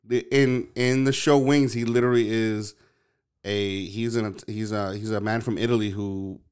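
Rambling man with a smooth voice. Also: lowish voice, fairly even intonation, normal speed, darkish tone. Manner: rambling, hesitant, lots of fillers and restarts. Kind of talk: casual chat.

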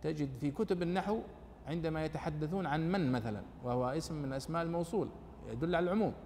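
A man's voice: a little high, rapid-fire, warm tone, in a large hall, slight background noise. A man giving a classroom lecture on exegesis, asking and answering his own questions.

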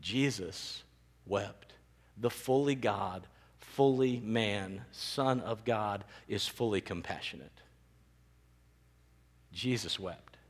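A male pastor preaching a sermon, animated and rising to emphatic peaks. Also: lowish voice, takes it slowly, pauses often. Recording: long reverb of a large hall.

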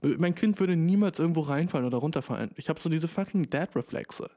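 A man's voice: on the high side, fast. A man in his twenties chatting casually and at length, full of slang and swearing, and he keeps calling the listener dude. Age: 20s. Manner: slangy, profane and rambling; excitable, addresses listener as dude. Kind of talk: casual solo chat.

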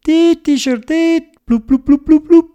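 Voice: mid-range voice, very animated, slow, voice pushed up. A storyteller voicing a brave little boy diving underwater, who blows bubbles as he talks. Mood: eager. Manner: makes bubbling blub-blub sounds and hushing psch noises.

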